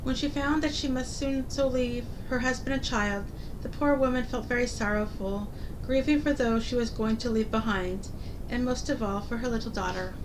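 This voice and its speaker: A woman narrates a storybook in the manner of a fairy tale opening. Her voice sits on the high side, with a read-aloud storyteller delivery. A clear low rumble of noise runs behind her. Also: normal speed. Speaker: host reading stories aloud.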